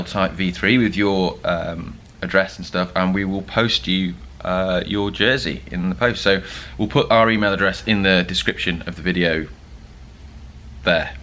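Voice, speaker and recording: A man's voice: low voice, moderate pace, bright, forceful tone. A young man hosting a casual vlog, chatty and joking with plenty of fillers. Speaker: vlog host. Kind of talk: casual vlog chat to camera.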